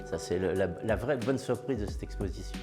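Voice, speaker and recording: Low-voiced man, measured town official. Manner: measured, with frequent hesitations and restarts. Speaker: town official in charge of culture. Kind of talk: explaining an exhibition to camera. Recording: long reverb with faint music behind.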